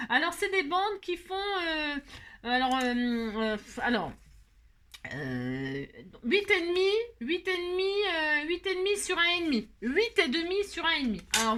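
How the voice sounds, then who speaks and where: A bright-voiced woman chats her way through a craft tutorial, pitched a touch above the usual. She talks straight to her viewers with playful, teasing asides. She fills her steps with quick little interjections as her hands work. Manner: narrates her hands, frequent "hop" and filler words. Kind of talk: casual chatty tutorial.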